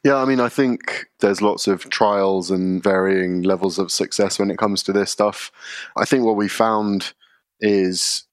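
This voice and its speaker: A man, a podcast guest explaining his workplace practices in a measured way, often using fillers. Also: on the low side, fairly even intonation, dry recording, clean studio sound. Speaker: guest, contact centre leader. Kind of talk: podcast interview answers.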